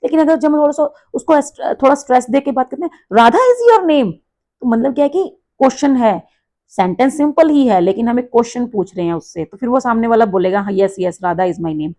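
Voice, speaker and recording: A woman teacher explaining an English lesson in Hindi, reading example sentences slowly with marked stress and intonation. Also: a little high, warm tone.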